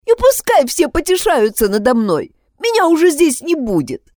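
A woman's voice: high voice, wildly swooping pitch, moderate pace, darkish tone, no room sound, clean studio sound, pitched above the performer's own voice. A woman reading an audiobook, voicing a distraught teenage schoolgirl who pleads and sobs. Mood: confessing. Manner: pleading, sobbing outbursts.

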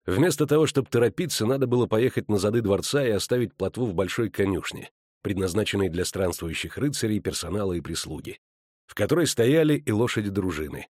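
A man reading audiobook narration in a measured, expressive way. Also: lowish voice, dry recording, clean studio sound. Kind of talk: scripted narration.

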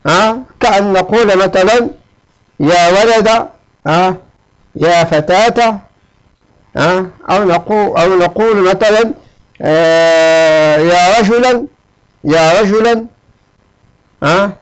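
A man with a high-pitched voice teaches a grammar lesson in a patient, classroom manner. He repeats each example and checks on his students with a quick questioning "ha?". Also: low-quality recording.

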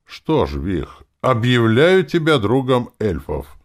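A man's voice: mid-range voice, big pitch swings, takes it slowly, pitched above the performer's own voice. A man voicing a formal, ceremonious male elf druid elder. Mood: solemn.

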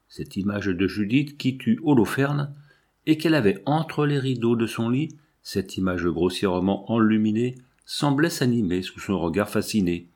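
A man narrating a classic novel as an audiobook, in a slow, measured and solemn manner. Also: lowish voice, darkish tone, husky.

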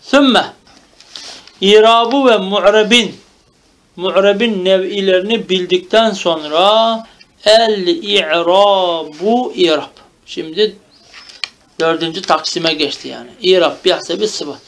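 A man with a high voice teaches a traditional grammar text to a student. He recites short Arabic phrases and then restates them in Turkish. He keeps checking understanding with quick questions. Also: a bit bright, a little hiss or hum. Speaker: religious teacher. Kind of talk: classical Arabic grammar lesson.

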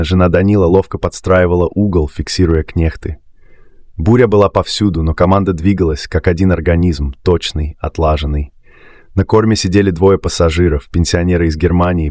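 A man reading a dramatic sea story aloud as a narrator, in a steady storytelling manner. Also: low voice, a little fast, dry recording, studio quality. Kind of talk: scripted narration.

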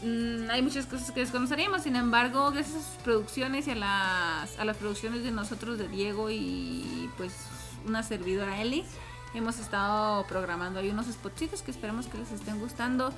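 A woman's voice: fairly high pitch, animated, fairly quick, music in the background. A woman with a northern Mexican accent hosting a radio show, chatty and playful, laughing often. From Chihuahua, Mexico. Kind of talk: casual radio chat. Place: radio studio.

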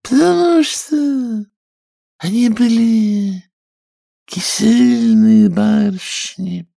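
A dozy storybook dormouse, acted by a male narrator speaks in a thin, very high voice that seems to come from further away. Her words stretch out slowly and sleepily. The delivery stays soft and yawning. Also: exaggerated voice. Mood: drowsy. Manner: slow, drawling, high and breathy. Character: sleepy drowsy female dormouse.

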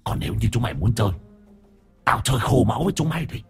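A man's voice: mid-range voice, expressive, fast, slightly rough, soft background music. A man voicing a spiteful centuries-old female river ghost in a sneering, menacing way, for a spoken horror story. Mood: threatening.

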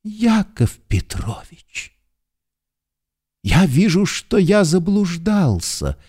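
A man's voice: high voice, very animated, drawn-out words, a little mellow, breathy edge, voice pushed up, full character voice. A man voicing a timid, fawning middle-aged clerk who keeps pleading humbly and formally for forgiveness in an audiobook. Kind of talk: audiobook character voice.

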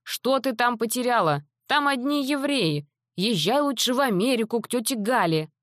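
A woman's voice: animated, no room sound, clean studio sound, lightly acted. A woman doing a blunt, scolding old grandmother. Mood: scoffing. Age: older. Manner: high, scolding, brisk. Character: sharp-tongued old grandmother, blunt and practical.

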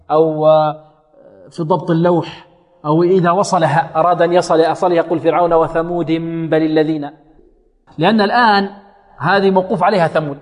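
A man teaching Quran recitation in a classroom lesson, quizzing his students and demonstrating sounds over and over. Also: on the high side. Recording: echoey hall reverb.

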